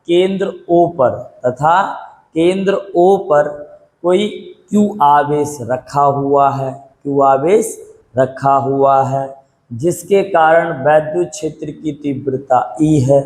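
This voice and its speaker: A male physics teacher, giving a classroom lecture. He asks the same questions again and again and answers them himself, and he dictates slowly so students can take notes. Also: a little high, a little mellow, poor audio. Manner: repetitive call-and-response questioning; patient, dictates slowly for note-taking.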